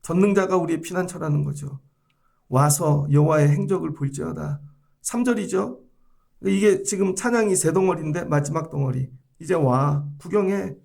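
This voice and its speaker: A middle-aged male pastor preaching a dawn sermon in a church, lively and animated, swinging between loud emphatic phrases and hushed asides, sometimes acting out quoted voices. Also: on the high side, moderate pace, vocal fry. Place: church sanctuary.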